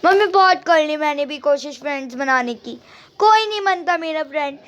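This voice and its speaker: A woman's voice: high voice, lively intonation, moderate pace, a bit bright, pitched above the performer's own voice. A woman voicing a poor young girl who is hungry and sad, asking pleading, tearful questions.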